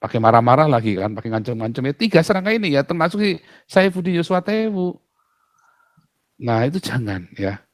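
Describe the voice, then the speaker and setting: A man's voice: medium pitch, very animated, brisk, no room sound. Emphatic man pastor, dry close sound. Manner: emphatic, full of rhetorical questions. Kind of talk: outspoken casual talk.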